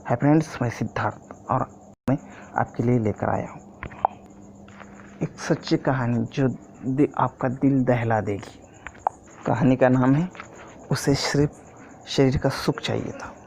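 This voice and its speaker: A man narrating a first-person story in a steady, earnest scripted reading. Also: mid-range voice, measured pace, gravelly, pauses often. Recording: dull lo-fi recording, faint hiss.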